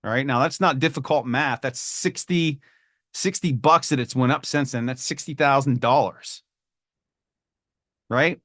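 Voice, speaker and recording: A man hosting a trading podcast, talking casually and with energy, often jumping into a higher voice to act out panicked or eager traders. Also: measured pace, dry recording, clean studio sound. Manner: animated, acts out panicky traders in a raised voice. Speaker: podcast host.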